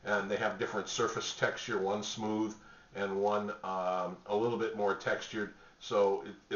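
A middle-aged man pitching gift products to the camera from a small home office, relaxed and rambling with many fillers. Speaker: store spokesman presenting products. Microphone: webcam at desk distance. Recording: roomy, distant, dull webcam audio.

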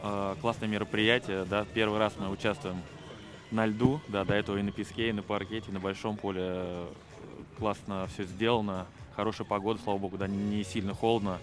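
A man's voice: lowish voice, little pitch movement, fairly quick. A middle-aged man giving a casual post-match interview into a handheld microphone outdoors. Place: outdoor ice rink. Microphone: handheld reporter microphone. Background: faint music.

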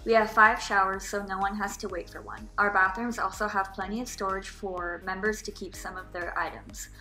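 Bright-voiced young woman narrating. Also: mid-range voice, little pitch movement, normal speed, soft background music. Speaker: house tour narrator. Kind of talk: scripted narration.

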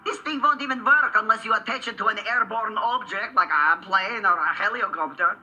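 An excitable, boastful inventor in a kids' TV comedy. His voice is extremely bright and sharp, with faint music behind it. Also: high-pitched, fairly quick, highs cut off. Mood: smug. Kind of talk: children's TV comedy acting.

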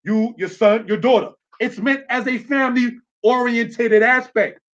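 A man's voice: very high voice, steady tone, a little slow, a bit bright, highs cut off. A man giving a religious teaching in a preachy, streetwise way, often checking with "you understand?".

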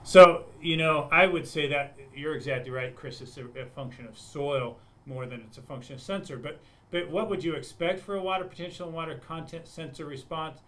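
A man in a webinar panel discussion, explaining in a fairly high voice for a man. He talks through the data with lots of restarts and repeated words, and he sounds like he is speaking over a remote call microphone. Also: brisk, bright, forceful tone. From United States. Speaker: soil scientist panelist.

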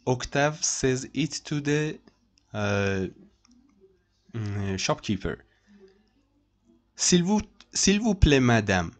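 A man's voice: mid-range voice, big pitch swings, takes it slowly, pauses often. A man teaching French over a screen recording, repeating each phrase and translating it. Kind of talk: screen-share language lesson.

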